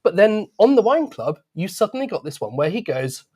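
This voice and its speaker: A man's voice: sits high, sing-song, fairly quick, dark tone, breathy edge. Enthusiastic man explaining wine in conversation.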